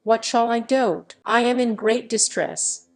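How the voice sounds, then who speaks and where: A woman's voice: on the high side, a little slow, faint music behind. A woman voicing an aged, dying first father who speaks solemnly in archaic words. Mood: pleading. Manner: solemn, pained, archaic speech.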